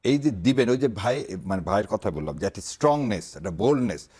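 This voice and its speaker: A man's voice: lowish voice, big pitch swings, quick pace, darkish tone, husky. A man speaking as a political guest on a talk show, greeting viewers formally and mocking opponents' wording. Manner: opens with formal greetings, mocks others' phrasing.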